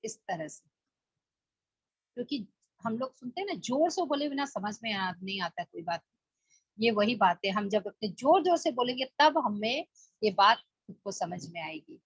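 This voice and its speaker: A woman's voice: mid-range voice, animated, moderate pace, slightly rough, no room sound, dull audio. A woman leading a guided self-help class, talking listeners through a mirror exercise with repeated, coaxing instructions. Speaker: meditation and self-help teacher.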